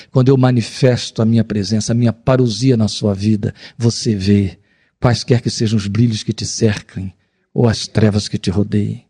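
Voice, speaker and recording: A middle-aged man, preaching a sermon as pastor, swinging between raised exclamations and low, solemn passages. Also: mellow.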